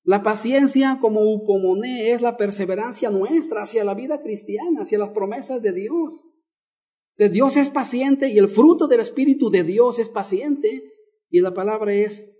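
A man's voice: high-pitched, warm tone. A male pastor preaching a Bible-teaching sermon, repeating key words and asking the congregation questions.

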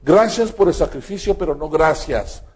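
Male preacher, higher-pitched, husky, unhurried, emphatic sermon delivery. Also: lively intonation, darkish tone. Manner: slow, emphatic preaching with sudden pitch jumps.

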